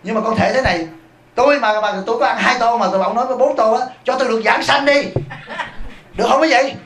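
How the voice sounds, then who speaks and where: An indignant young man protests and swears he is telling the truth, as a man puts him on. His voice jumps up high and sharp. It echoes through a large room. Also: fast. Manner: agitated, protesting. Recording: echoey hall.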